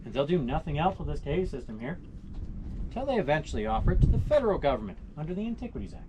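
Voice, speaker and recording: A man giving a storytelling guided tour to a group outdoors, theatrical and folksy, with rhetorical questions and dramatic pauses. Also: a little high, big pitch swings. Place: outdoors on a mountainside. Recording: noisy live outdoor recording with clicks.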